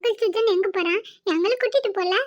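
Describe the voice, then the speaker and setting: A woman's voice: extremely high pitch, fast talker, dry recording. A woman doing a whiny little cartoon kid. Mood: puzzled. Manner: whiny and pleading. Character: small child, playful and whiny. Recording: dull, dry home recording.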